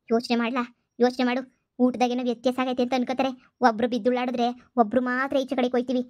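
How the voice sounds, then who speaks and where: A woman voicing a scheming, bossy village mother-in-law in a cartoon comedy, scolding and wailing loudly. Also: fairly high pitch, no room sound, natural voice. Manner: bossy, scolding, wails theatrically.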